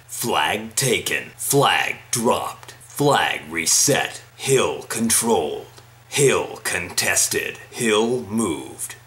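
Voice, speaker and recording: A man voicing a stern video game announcer, calling out short phrases slowly, with dramatic emphasis. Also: deep voice, sharp tone, exaggerated voice.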